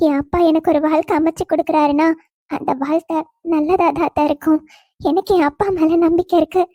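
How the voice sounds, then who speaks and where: A woman's voice: high voice, level tone, brisk, no room sound, muffled recording, natural voice. A woman voicing a dutiful young woman who is devoted to her father, in a cartoon, speaking with earnest resolve. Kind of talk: cartoon voice acting.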